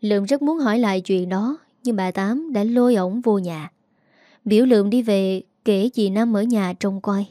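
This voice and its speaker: A woman with a Southern Vietnamese accent calmly narrating a story. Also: mid-range voice, no echo, clean studio sound. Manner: calm, measured storytelling. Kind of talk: scripted narration.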